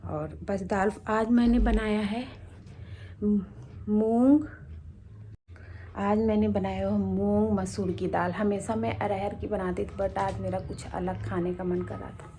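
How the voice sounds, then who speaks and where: A woman's voice: medium pitch, fairly even intonation, slow, a little hiss or hum. A woman vlogging her morning at home, chatting casually while she cooks and cleans in her kitchen and walks outdoors. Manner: chatty, walks viewers through chores; speaks softly at times so neighbours are not disturbed.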